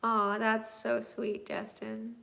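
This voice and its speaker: This thirtysomething livestream host answers viewer comments in an easygoing chat, reading them aloud first. Her slightly high voice is creaky with a fairly bright tone, and she talks slowly in a monotone.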